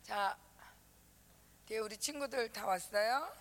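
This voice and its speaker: A pastor's wife telling a lively story to children in a sermon, acting out voices as she goes. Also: on the high side, measured pace. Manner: lively, acts out voices, talks to kids.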